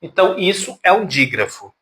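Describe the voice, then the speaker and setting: A man's voice: sits high, sing-song, moderate pace, sharp tone. A man teaching a grammar lesson to his pupils, patient and affectionate, sounding words out syllable by syllable.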